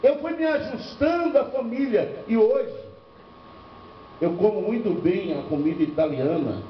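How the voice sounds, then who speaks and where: A man's voice: high voice, unhurried, slight background noise. An older man from Bahia, a pastor preaching at a church seminar, telling stories with rhetorical questions and humor. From Bahia, northeastern Brazil. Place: church hall. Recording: echoey lo-fi church recording from far off.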